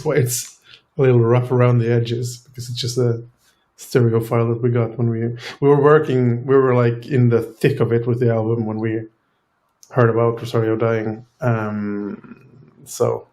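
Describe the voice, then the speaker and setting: A man's voice: mid-range voice, dark tone. A man, a musician in a band, talking casually in an interview and hesitating often with fillers. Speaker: band member.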